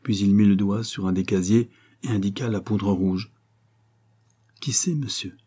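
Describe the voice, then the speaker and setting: A man narrating a classic novel as an audiobook, in a steady, even storytelling manner. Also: lowish voice, moderate pace, husky. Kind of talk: scripted narration.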